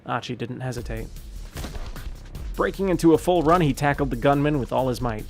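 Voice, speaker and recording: A man's voice: medium pitch, brisk, faint music behind. Streamer man reading a game story aloud. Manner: steady narrating read with occasional slips and self-corrections. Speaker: gaming streamer. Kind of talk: reading a visual novel aloud.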